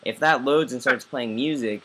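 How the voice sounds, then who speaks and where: A man's voice: mid-range voice, normal speed, bright, forceful tone. A man hosting a casual live-stream chat, rambling with many fillers and restarts. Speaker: host.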